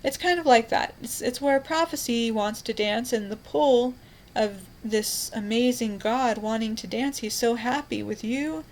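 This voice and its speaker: A woman's voice: fairly high pitch, measured pace, a little hiss or hum, low-quality recording. Rambling, fervent woman preaching prophecy. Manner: rambling and fervent, with frequent restarts and "you know". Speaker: self-styled prophet promoting a faith. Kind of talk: evangelizing monologue.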